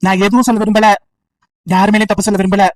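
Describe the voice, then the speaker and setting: A woman's voice: mid-range voice, flat delivery, fast, darkish tone, dry recording, distant mic, voice pushed down, natural voice. A woman voicing a stubborn, bitter young village man of 28 who refuses marriage and talks curtly and threateningly. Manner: curt, threatening, sulky.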